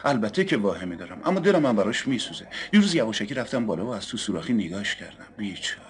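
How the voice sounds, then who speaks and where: A man's voice: on the low side, sing-song. An actor dubbing a young man who chats and tells odd stories about a neighbor. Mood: chatty. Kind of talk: dubbed film dialogue.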